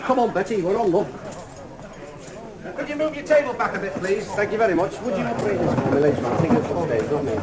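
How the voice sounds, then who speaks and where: High-voiced saloon showman. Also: lively intonation, fast talker, a loud crowd, very noisy. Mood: harried. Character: harried showman compère of a mock western saloon. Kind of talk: TV sitcom acting.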